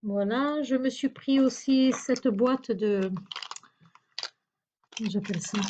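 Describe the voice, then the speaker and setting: A woman's voice: a little high, slow pace, dark tone, a little hiss or hum. A woman chatting through a shopping haul video, hesitant and searching for words with many fillers. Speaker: YouTuber showing a shopping haul. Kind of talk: casual haul video chat.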